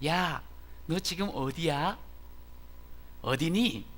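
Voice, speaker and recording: A man voicing a mother on the phone to her son, questioning and scolding him in a raised, shrill voice. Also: lively intonation, very slow, fairly bright tone, a little hiss or hum, exaggerated voice. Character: nagging Korean mother phoning her son.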